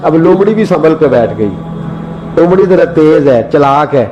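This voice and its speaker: A man preaching an Islamic sermon, telling stories with passion and building to high emotional peaks. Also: animated, normal speed, background noise. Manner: impassioned storytelling, rising to high emotional climaxes. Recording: dull lo-fi sound with background music. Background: background music.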